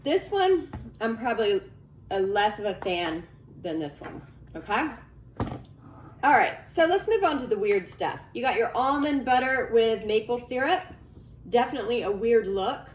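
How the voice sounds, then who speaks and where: A woman's voice: on the high side, very animated, normal speed. A woman hosting a casual cooking video in a chatty, emphatic way, drawing out some of her phrases. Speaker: cooking show host. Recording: echoey room with faint background noise.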